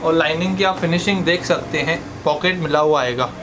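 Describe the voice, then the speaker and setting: A man, a shop owner showing his stock in a matter-of-fact casual sales pitch. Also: fairly quick, background noise. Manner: matter-of-fact, listing items in short phrases.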